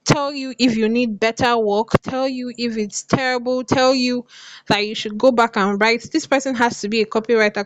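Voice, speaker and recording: A copywriting coach gives a casual online lesson to viewers, repeating phrases for emphasis. She has a lisp with slushy s sounds and a fairly high voice, and the recording is dry and muffled.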